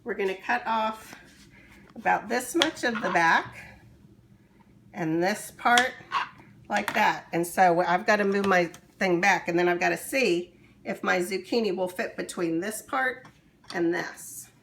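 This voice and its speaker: A woman teacher giving a slow, patient cooking demonstration for young children in a kitchen. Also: mid-range voice, creaky, a bit bright, roomy sound, a little hiss or hum. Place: kitchen with running water.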